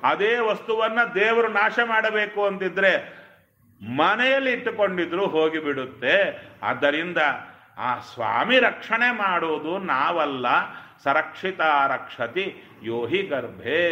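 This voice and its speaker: A man delivers a religious discourse in a fairly high, sharply bright voice. He keeps putting rhetorical questions to his listeners and weaves in Sanskrit verses. The recording is roomy and echoey, with a dull, lo-fi sound.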